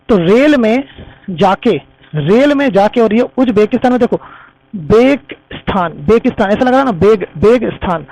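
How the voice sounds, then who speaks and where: A man's voice: high voice, dark tone, dry recording, rough recording. A man teaching an exam-prep lesson, repeating memory tricks and calling his viewers friends. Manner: repetitive, addresses viewers as friends.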